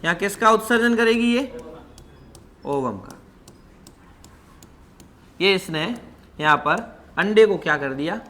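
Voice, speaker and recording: A man's voice: high-pitched, lively intonation, slow, long pauses, pushed and bright. A man giving a biology class lecture, quizzing his students with constant questions and calling them "child". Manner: calls students "child" affectionately. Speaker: biology teacher.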